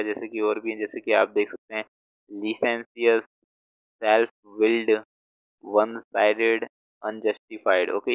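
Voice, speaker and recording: A man teaching vocabulary in a class, going slowly and repeating each word as he writes it out. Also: lowish voice, smooth, no room sound. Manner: slow, repeats words while writing them out. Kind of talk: explaining word meanings in a class. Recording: tinny phone-like sound.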